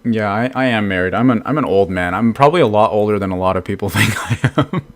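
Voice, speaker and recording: Faint music plays behind a lowish, quick-paced voice: a thirty-something American man casually commentating his game stream, laughing often and replying to his chat.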